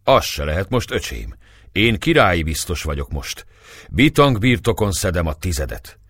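A calm captain with a fatherly, measured way of speaking, put on by a male storyteller. The voice sits higher than the reader's own low tone and rises and falls in lively swings. The sound is dry and close. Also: slightly rough, no echo, exaggerated voice.

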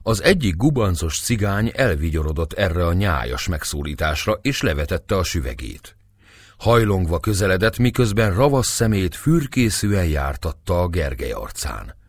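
A man narrates an audiobook in a very deep voice, telling the story in a measured way. His pitch is lively and animated, and the sound is dry and close. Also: slightly rough, no echo. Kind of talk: audiobook narration of a historical novel.

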